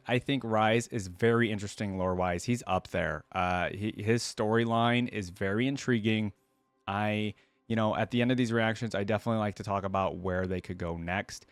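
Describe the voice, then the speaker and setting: A video creator acting as a reaction host gives viewers casual commentary, thinking out loud and drifting into digressions. His voice is lowish with a clean tone, and there's no echo.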